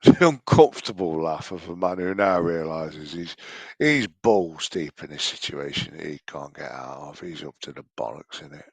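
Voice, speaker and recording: A man's voice: rumbling low, lively intonation, moderate pace, creaky, husky, no room sound. An English man in his late forties giving mocking reaction commentary, sarcastic and sweary. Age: late 40s.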